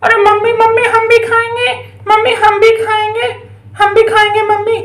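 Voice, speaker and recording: A woman's voice: very high voice, little pitch movement, normal speed, fairly bright tone, roomy sound. A woman voicing eager young children pleading with their mother in a toy doll story.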